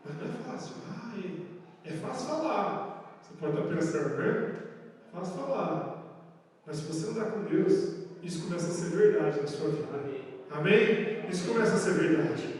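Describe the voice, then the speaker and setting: A man's voice: sits high, animated, normal speed, darkish tone, a little hiss or hum. A man with a Brazilian Portuguese accent, a pastor preaching a sermon in a conversational way, often asking "Amém?" and acting out quotes. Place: church hall. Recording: echoey church hall, mic far off.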